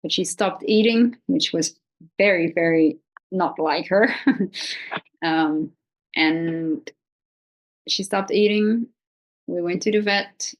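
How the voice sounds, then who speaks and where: A woman talking informally to viewers as a video host, consoling and reassuring, with a hesitant, halting delivery. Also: lowish voice, rough recording. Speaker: video host giving pet-loss advice. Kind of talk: informal, unscripted talk to viewers.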